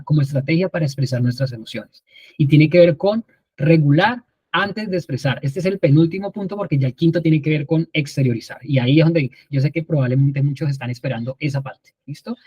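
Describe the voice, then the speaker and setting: A man's voice: fairly high pitch, darkish tone, breathy edge, no room sound. A man teaching a live online class on emotions, talking conversationally and often checking in with his students. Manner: conversational teaching, frequent check-ins with "¿listo?".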